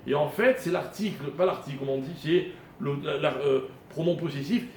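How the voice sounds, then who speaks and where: Speaking at a moderate pace in a somewhat high, darkish voice, a rabbi teaches Torah live to a small roomful of people. He explains Hebrew grammar in careful steps and quizzes his listeners, and the recording has echo and faint noise.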